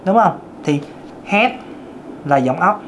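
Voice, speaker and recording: A man's voice: a little high, animated, takes it slowly, slight background noise. A man, a vocal coach giving a casual singing lesson and talking straight to his viewers. He demonstrates different vocal registers as he explains them. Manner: chatty, addresses viewers directly.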